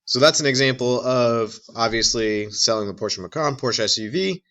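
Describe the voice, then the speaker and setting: A man's voice: medium pitch, normal speed, fairly bright tone, muffled recording. A man teaching a recorded class, explaining step by step with frequent restarts and fillers. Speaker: instructor. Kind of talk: recorded lecture.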